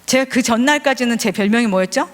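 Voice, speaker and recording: A woman in her forties delivers a sermon, her voice fairly high and bright. She tells her stories with humor and draws the congregation in with quick questions. Everything rings out in a large hall with long reverb. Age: 40s. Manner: lively, joking with the congregation. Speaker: preacher, vice principal.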